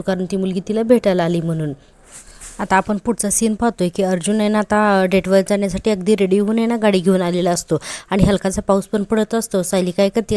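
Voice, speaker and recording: A woman's voice: mid-range voice, mellow, no echo. A woman retelling a TV serial episode in a chatty, casual way, quoting the characters' lines in her own voice and adding admiring asides. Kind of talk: casual episode recap narration.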